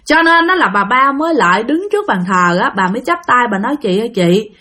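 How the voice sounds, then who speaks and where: A woman's voice: high voice, big pitch swings, fast, bright, forceful tone. A woman with a Southern Vietnamese accent, narrating ghost stories in a chatty way, addressing her listeners directly. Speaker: storyteller. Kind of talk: spoken ghost-story narration.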